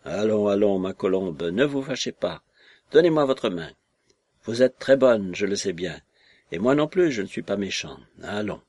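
A man reading aloud who voices a shrill, mocking and fawning little lame man, raising his voice to a yelp. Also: lively intonation, moderate pace, darkish tone, no room sound. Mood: coaxing. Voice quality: yelping, shrill. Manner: mocking, ingratiating, exclamatory. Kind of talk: audiobook character voice.

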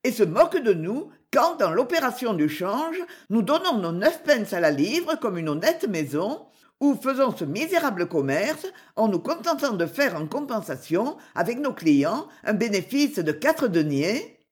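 A woman's voice: medium pitch, very animated, a little slow. A prim shopkeeping lady, read by a woman, talking with stiff dignity and a voice that rises and falls a lot from an audiobook. she rambles on with her complaints in long, winding sentences. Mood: aggrieved. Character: prim middle-aged woman running a London shop.

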